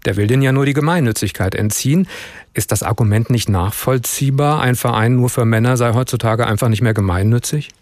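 Ein Mann moderiert eine Nachrichtensendung im Radio und stellt Interviewfragen. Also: male voice, medium pitch, fairly quick, darkish tone, no echo. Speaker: radio news host and interviewer.

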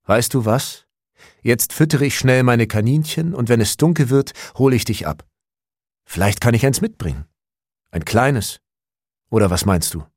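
A man voicing a bow-legged older man in an audiobook, gently persuasive and kind. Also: medium pitch, lively intonation, normal speed, pauses often, no echo, studio quality. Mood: kindly.

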